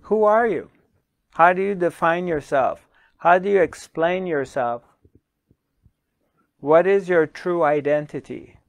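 A middle-aged man, a spiritual teacher, speaking slowly to the camera with long pauses and repeated questions, on a lapel mic in a small studio. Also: on the high side, no echo. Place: small dark studio, indoors.

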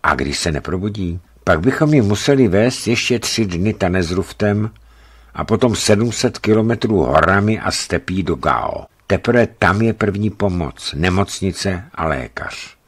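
A man reading a travel book aloud in calm storytelling narration. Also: low voice, breathy edge. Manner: calm storytelling, lifts his voice for quoted speech.

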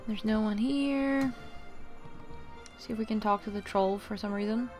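A woman's voice: mid-range voice, measured pace. A woman giving casual gameplay commentary as a let's play host, musing and thinking aloud. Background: game music.

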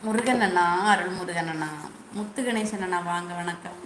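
A woman's voice: lowish voice, normal speed, echoey room, background noise. A woman hosting a casual live stream, greeting viewers by name one after another and asking how they are.

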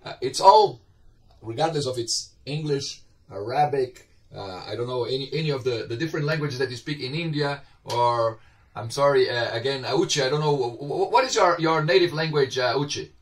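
Heard through a webcam on a video call with slightly distant audio, this medium-pitched, moderately paced man lectures from a home office lined with bookshelves. Middle-aged with a Brazilian Portuguese accent, he keeps his online university class informal and conversational, gesturing as he talks and checking in with students frequently.

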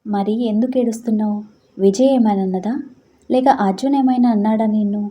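Brief: a fretful, gentle dad, as a woman storyteller puts him on, mellow low-toned voice. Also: fairly even intonation, brisk, lo-fi sound, natural voice. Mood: anxious, tender. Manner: anxious, tender questioning. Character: worried loving middle-aged father.

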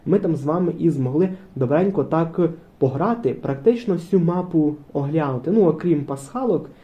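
A man's voice: a little high, animated, normal speed, dull audio. A man hosting a truck game playthrough, rambling in casual commentary with many fillers. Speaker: gaming channel host. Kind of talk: casual let's-play commentary.

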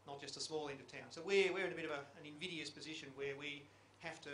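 Through a handheld mic, a middle-aged geological survey panelist reflects aloud and puts questions to the audience during a panel discussion. He talks fast in a fairly high, fairly bright voice with a steady tone. The conference room sounds echoey, with a faint hiss.

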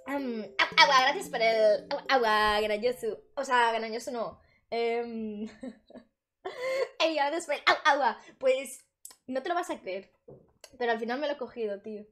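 A woman's voice: fairly high pitch, lively intonation, measured pace. Bubbly Spanish woman streamer, chatty. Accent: Spain Spanish. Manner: bubbly and chatty, laughs often, bursts into loud exclamations. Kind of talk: casual live-stream chat with viewers. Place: bedroom at her grandmother's home.

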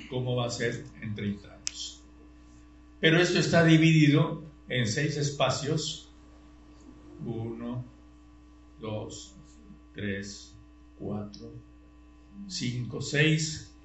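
Slow older man lecturing. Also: mid-range voice. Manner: slow, deliberate, with rhetorical questions and emphatic rises. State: tired. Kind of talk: classroom lecture. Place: classroom. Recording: roomy, dull sound with faint hum.

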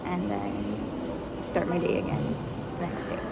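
A young woman, a medical student, chatting casually through her day as a vlogger, with relaxed fillers. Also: fairly low pitch, a little slow, gravelly, over loud music. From Pakistan. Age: young adult. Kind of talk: casual vlog narration.

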